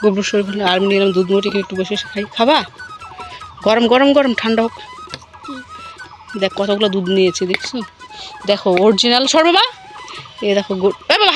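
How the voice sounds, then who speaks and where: A woman's voice: medium pitch, a little fast, soft background music. A woman chatting casually to the camera in a home vlog, talking to her child and a goat as she goes. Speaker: vlogger.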